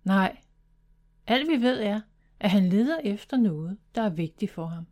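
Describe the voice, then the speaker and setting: A woman voicing a young dragon monster in a children's storybook, explaining things in a hushed way. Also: medium pitch, animated, lightly acted.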